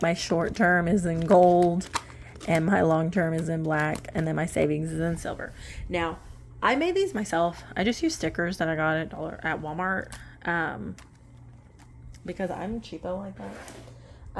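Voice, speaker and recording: With a lowish voice and a bit of hiss or hum behind it, this late-twenties budgeting vlogger chats casually as she fills budget envelopes with cash. She rambles, catches her own mistakes, and laughs a little.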